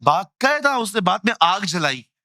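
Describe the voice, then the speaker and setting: A man preaching a lively sermon in Hindi mixed with English phrases, telling stories and acting out the voices in them. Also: sits high, unhurried, no room sound, studio quality. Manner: animated storytelling, acts out quoted voices, jokey asides.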